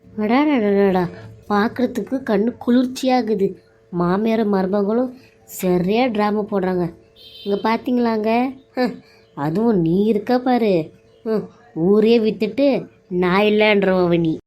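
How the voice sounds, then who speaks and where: A defiant young daughter-in-law from a cartoon serial, voiced by a woman. Her mid-pitched voice is warm and mellow, yet her words come out reproachful and biting. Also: takes it slowly, long pauses, lightly acted. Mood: sarcastic. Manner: reproachful, sarcastic.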